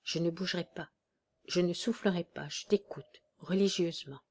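A woman's voice: on the low side, normal speed, darkish tone, lightly acted. A woman voicing a grieving male chevalier who pleads in a distraught way over his dying friend. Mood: grieving, pleading.

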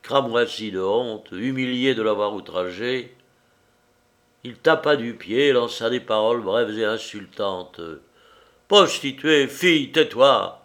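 A man reading a novel aloud as narrator in a measured, deliberate way. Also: on the low side.

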